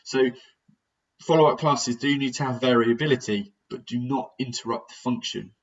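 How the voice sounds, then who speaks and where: A young British man giving a conversational recorded physiotherapy lecture, plain-spoken and self-aware about sounding monotonous. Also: mid-range voice, moderate pace. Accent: British English. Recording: distant mic, dull lo-fi sound.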